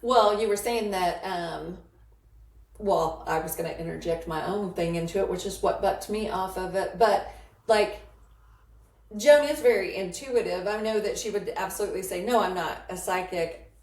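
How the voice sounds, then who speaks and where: A woman's voice: mid-range voice, normal speed, darkish tone, far from the mic. A woman co-host chats freely, laughing as she talks and letting sentences trail off. Her voice sits back from the mic, and the room gives it a roomy echo. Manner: chatty, laughs often, trails off mid-thought. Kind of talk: casual podcast chat.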